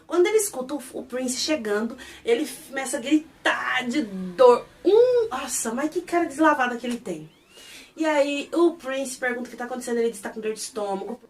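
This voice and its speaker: Animated Brazilian woman recapping an episode. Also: high-pitched, brisk, far from the mic. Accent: Brazilian Portuguese. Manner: animated, gossipy, acts out quotes. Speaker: YouTube series reviewer.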